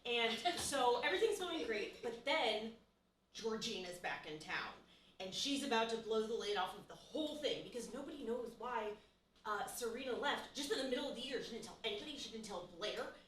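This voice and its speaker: A woman's voice: a little high, lively intonation, brisk, a bit bright, slight background noise. A woman doing a live improv scene, recapping a teen drama in a gossipy, breathless way and acting out the characters' quotes. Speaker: improv performer. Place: small theater stage. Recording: echoey room, mic from a distance.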